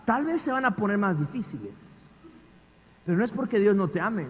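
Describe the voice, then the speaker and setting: A Mexican pastor preaching a dramatic sermon, swinging from quiet asides to shouting and firing rhetorical questions at the congregation. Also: male voice, high-pitched, sing-song, brisk, big-room sound. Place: church.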